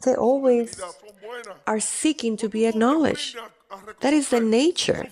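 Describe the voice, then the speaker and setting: Mellow-voiced woman preaching emphatically. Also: fairly high pitch, a little slow. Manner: emphatic, repeats key phrases. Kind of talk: sermon.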